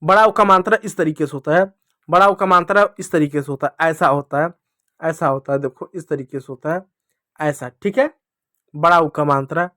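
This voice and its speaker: A man teaching children, patiently repeating each sound slowly and drawing out the vowels. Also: a little high, pushed and bright, no echo, clean studio sound. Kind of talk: Hindi lesson for children.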